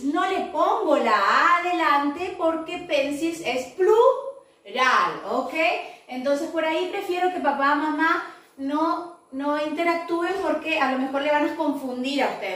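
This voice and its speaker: High-voiced teacher in an echoey room. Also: female voice, fairly bright tone. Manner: explains step by step, often checks with "¿sí?". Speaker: English teacher. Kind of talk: recorded online class for young pupils. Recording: very echoey room, voice far from the mic.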